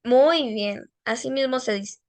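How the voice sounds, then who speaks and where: A woman teaching an English class, patiently correcting pupils and slowly drawing out English words. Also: high voice, no echo. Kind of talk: online class instruction.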